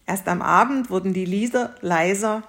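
A woman reads an old fairy tale aloud at a slow, deliberate storytelling pace. Her voice sits in a middle range for a woman and carries the narration evenly. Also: mid-range voice, creaky, fairly bright tone.

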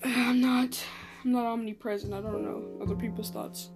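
A woman's voice: a little high, steady tone, moderate pace, over music. A woman talking casually and self-deprecatingly in a rambling solo podcast, recorded in a small home bathroom. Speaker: podcast host.

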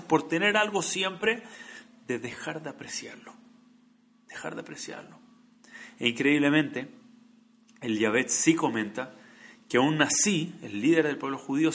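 Earnest man with a gravelly bright voice. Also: fairly high pitch. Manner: earnest, builds to emphatic peaks then drops to soft. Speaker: rabbi. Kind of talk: Torah sermon.

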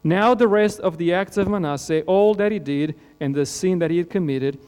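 High-pitched preacher from Romania in a reverberant hall. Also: male voice, normal speed, clean tone. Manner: earnest preaching with rhetorical questions, voice dropping low and soft at phrase ends. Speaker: pastor. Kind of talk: sermon. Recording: long hall reverb with mains hum.

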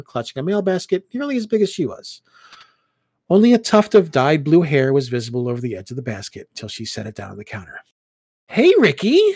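A man reading first-person fiction aloud, with expressive storytelling as an audiobook reader. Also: a little high, dry recording, studio quality.

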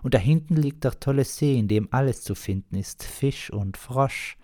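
A man's voice: mid-range voice, normal speed, dark tone, dry recording, studio quality, voice pushed up, close to an everyday voice. Man doing a chatty, bossy village woman.

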